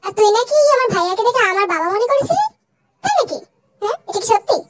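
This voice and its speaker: A bossy college girl with a teasing, scolding edge, voiced by a young woman in a very high tone. A faint hiss sits under the voice. The banter has a quick, sisterly bite. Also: sing-song. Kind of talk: fan dub voice acting.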